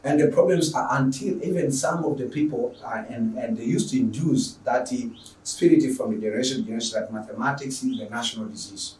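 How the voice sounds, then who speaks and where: Speaking a little fast, this online secondary math teacher from Tanzania opens his lesson for viewers in a mid-range, slightly mellow voice. The distant microphone and echoey room make him sound far off.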